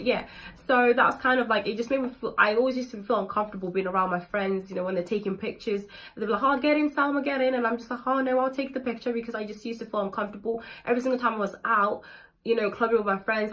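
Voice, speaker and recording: A woman's voice: mid-range voice, fairly bright tone, low-quality recording. Young woman, vlogger; casual, candid, slangy storytelling to a camera mic. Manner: candid, slangy, swears freely. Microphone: built-in camera mic.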